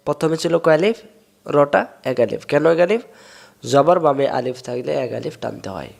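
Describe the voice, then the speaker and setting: A man from Bangladesh, teaching Quran reading step by step and drawing out sounds slowly to show them. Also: fairly high pitch, lively intonation, gravelly. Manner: explains step by step, drawls sounds slowly to demonstrate. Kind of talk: recitation lesson.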